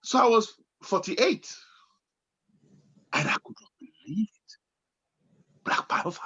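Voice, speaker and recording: A man in his late forties, co-hosting a casual chat in an animated way, turning from loud excitement to low musing. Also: takes it slowly, husky. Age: 40s. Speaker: podcast co-host. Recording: dull lo-fi sound.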